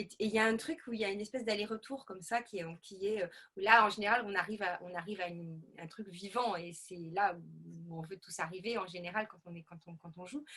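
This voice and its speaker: Husky woman actress talking shop. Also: medium pitch. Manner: animated, repeats words while thinking. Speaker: actress, guest. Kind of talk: casual interview chat.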